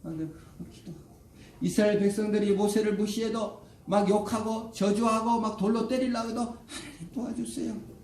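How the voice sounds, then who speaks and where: A man's voice: sits high, steady tone, normal speed, a little mellow, a little hiss or hum. A male pastor preaching a sermon with dramatic swings, acting out the lines of the people in his story. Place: church sanctuary. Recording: roomy church echo, mic at a distance.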